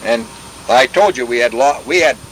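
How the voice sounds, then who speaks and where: An older veteran telling war stories in a rambling, folksy way, full of restarts and sound effects. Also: male voice, medium pitch, normal speed, fairly bright tone, slight background noise, poor audio. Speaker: veteran interviewee. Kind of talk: oral history war reminiscence.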